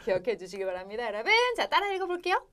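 A woman's voice: a little high, sing-song, racing, fairly bright tone. A woman hosting a television English lesson, playful and laughing often as she keeps speaking straight to the viewers. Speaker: English teacher and host.

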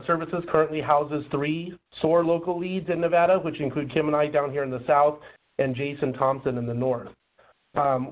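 Rusty-voiced man with a cold, phone-like sound. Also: medium pitch. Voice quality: rusty, slightly rough voice. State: under the weather with a cold. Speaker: presenter, program local lead. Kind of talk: prepared webinar presentation. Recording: muffled, narrow phone-like line.

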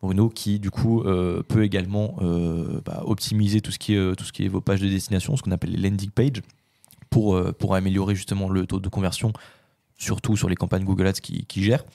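Man, low pitch, creaky, casual podcast talk, many fillers. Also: flat delivery, fairly quick, dark tone, no echo. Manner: rambling, many filler words. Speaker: podcast co-host.

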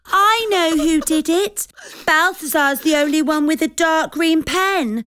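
A high, sharp-voiced girl bug who scolds with real heat, as a woman puts her on. Her voice jumps up and down a lot and she speaks slowly and clearly for young listeners. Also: animated, full character voice. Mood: angry.

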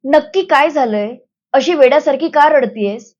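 A strong-willed village man speaks with steady, reassuring firmness, voiced by a woman reading a novel aloud. The voice sits high and carries little real disguise. The recording is slightly dull and lo-fi. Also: normal speed, lightly acted. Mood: impatient.

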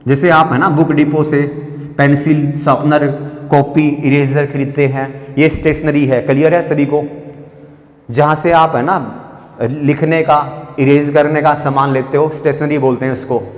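A male teacher giving an exam-prep vocabulary lesson, explaining each word, spelling it letter by letter and asking students if it is clear. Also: on the high side, little pitch movement, measured pace. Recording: echoey classroom with long reverb.

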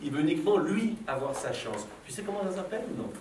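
His voice is a little high, expressive, a little mellow and quick-paced. This middle-aged man is leading a philosophy session with schoolchildren in their classroom, using playful, probing, teasing Socratic questions with the class. The recording comes from a distance in a roomy space with faint background noise.

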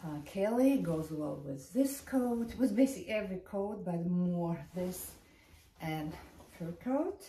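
A fashion vlogger with a low, warm voice chats casually while showing off items, sounding animated but a little slow. She's in a large carpeted bedroom, filmed by a camera a few feet away, so the audio has a roomy echo, distant feel and light noise.

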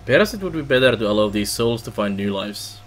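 A middle-aged man doing a let's play, reading game text aloud haltingly with casual commentary. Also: lowish voice, big pitch swings, a little hiss or hum. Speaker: gaming let's player.

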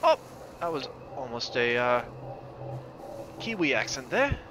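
A man's voice: mid-range voice, sing-song, measured pace, background noise. A man streaming a game live, joking, half-singing and mimicking lines as he plays. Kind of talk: live gameplay commentary. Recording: game music under the voice. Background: game music.

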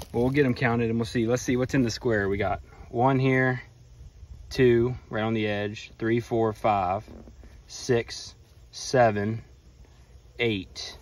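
A young man hosting a casual shooting range vlog outdoors in a grassy field, laid-back, counting pellets out loud. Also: medium pitch. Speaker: outdoors channel host. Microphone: camera mic a few feet away. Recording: distant outdoor camera mic, faint insects.

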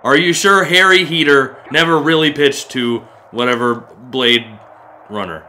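A man's voice: fairly high pitch, a little slow, bright, forceful tone. A young man co-hosting a video game session, joking and laughing through playful banter. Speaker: co-host playing a video game. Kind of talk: casual gaming banter. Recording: noisy background hiss.

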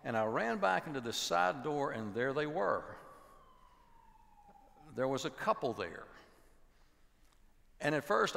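A man's voice: a little high, creaky. An older man preaching a sermon in a church, telling stories and acting out the voices of the people in them. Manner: animated storytelling, acting out voices in quotes, dropping to a hushed voice. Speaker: pastor. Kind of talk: sermon with storytelling. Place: large church sanctuary with choir behind. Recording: long hall reverb.

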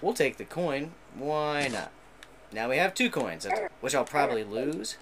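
A man talks through his video game session in a loose, rambling way, excitable and chatty. His pitch swings around a lot as he goes. A steady hiss of noise sits under the recording. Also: a little slow. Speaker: gaming channel host. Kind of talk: casual let's-play commentary.

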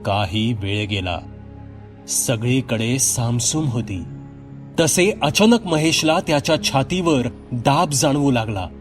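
Male horror narrator, unhurried delivery, faint background music. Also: mid-range voice. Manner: slow, measured storytelling. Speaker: storyteller. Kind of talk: scripted horror story narration.

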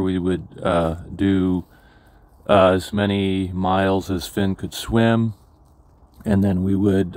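Older male storyteller, deep-voiced, loose and rambling delivery. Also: a little mellow. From California. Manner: rambling, many fillers and restarts. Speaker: memoir vlogger. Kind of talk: casual personal storytelling.

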